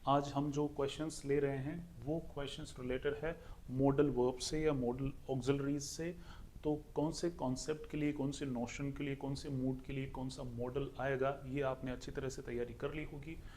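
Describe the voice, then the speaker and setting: A man's voice: medium pitch, flat delivery, moderate pace, a little mellow, a little hiss or hum. A young adult man from India with an Indian accent, explaining English pronunciation step by step in an exam-prep lesson and repeating his points. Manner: repeats points, walks through a question step by step. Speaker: English teacher.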